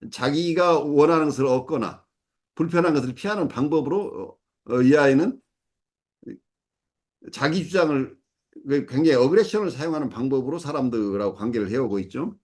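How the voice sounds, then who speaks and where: A man's voice: mid-range voice, darkish tone. A middle-aged man supervising a case, explaining step by step with many fillers and self-corrections. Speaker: psychoanalysis supervisor. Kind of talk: explanatory teaching talk.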